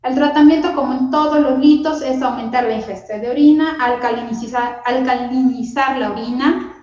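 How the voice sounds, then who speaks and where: A woman's voice: high voice, normal speed, darkish tone. A woman giving a medical class lecture, explaining step by step with frequent fillers and asides to her students. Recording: lo-fi echoey room recording.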